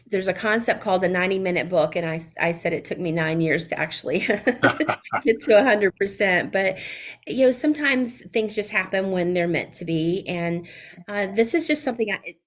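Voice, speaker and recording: A woman's voice: lowish voice, normal speed. A middle-aged woman with a Southern US accent, speaking as a guest in a podcast interview, with many fillers and restarts. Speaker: guest, CPA.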